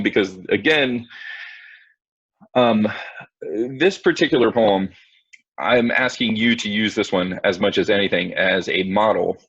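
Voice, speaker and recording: Gravelly male teacher on a lo-fi call. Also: on the low side, no echo. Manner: casual, self-mocking, talks to students directly. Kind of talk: online class lesson. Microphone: computer mic on video call. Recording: dull lo-fi video call audio.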